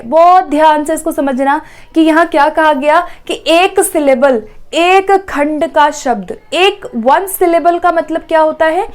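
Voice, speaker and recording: Woman teacher going over grammar rules, high voice, spells words out letter by letter. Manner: explains step by step, checks in with "ठीक है". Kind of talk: exam-prep grammar lesson.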